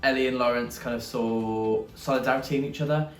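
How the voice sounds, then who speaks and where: A man's voice: mid-range voice, steady tone, brisk. A man co-hosting a casual review chat, chatty and detailed about how things are made. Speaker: podcast co-host. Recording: echoey room, distant mic, faint music.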